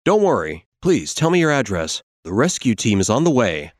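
A gentle cartoon elephant firefighter, played by a man, calm and kindly, with a mid-pitched voice that swings up and down through each line. He sounds reassuring and cheerful, and the dry studio recording keeps him close and clear. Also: moderate pace, no echo. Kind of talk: children's cartoon acting.

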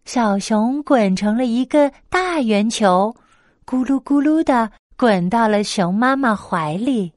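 A woman narrating a bedtime story, gentle and expressive. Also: a little high, slow, dry recording, clean studio sound.

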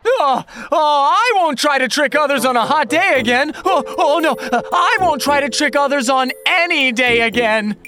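A woman's voice: high voice, expressive, normal speed, few pauses, fairly bright tone. A woman voicing a sly, sneaky male fox con artist in a cartoon. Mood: dazed. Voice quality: sneaky, chuckling. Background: background music.

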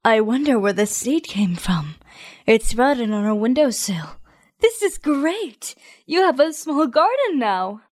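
A woman voicing a gentle mother speaking softly to her daughter. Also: on the high side, big pitch swings, unhurried. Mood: pleased.

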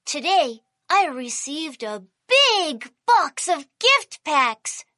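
A woman's voice: high-pitched, big pitch swings, very slow, pushed and bright, no room sound, studio quality, full character voice. A woman voicing a cheerful young panda who hosts a children's science cartoon, with a sing-song, childlike manner. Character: cheerful young panda host named Kiki. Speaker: host.

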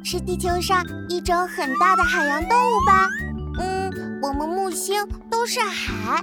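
A woman's voice: very high voice, sing-song, measured pace, over loud music, exaggerated voice. A woman voicing a friendly, big whale-like alien with bubbly gurgles in a children's audio drama. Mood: curious, gentle.

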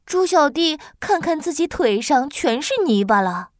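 Lively woman reading a children's story. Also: high voice, normal speed, dry recording, clean studio sound. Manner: lilting, expressive storytelling.

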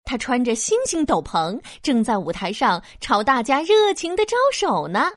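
A woman narrating a scripted children's story in an expressive storytelling manner. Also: on the high side, moderate pace, dry recording, studio quality.

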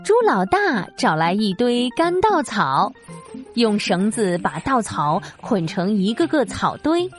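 A woman's voice: medium pitch, big pitch swings, slow pace, soft background music. A woman narrating a scripted story for children.

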